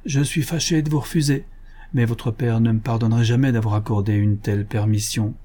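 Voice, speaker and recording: A man's voice: mid-range voice, fairly even intonation, brisk, dark tone, natural voice. A man voicing a grave, cold young merchant in an audiobook, speaking severely.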